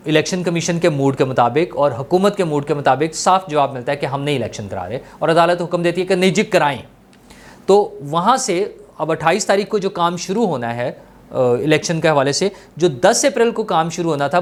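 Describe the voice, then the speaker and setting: A man with a Pakistani Urdu accent hosting his own channel, explaining politics in a steady, explanatory way with small fillers. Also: a little high, brisk. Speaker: political commentator and host. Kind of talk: solo political analysis.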